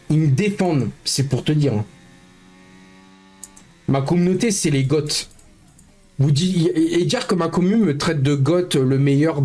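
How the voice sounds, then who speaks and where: A man live streaming, chatting casually with his viewers, joking in mock indignation and sometimes turning low and downbeat. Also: a little mellow. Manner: talkative, jokey mock-indignation, mumbling and downbeat at times.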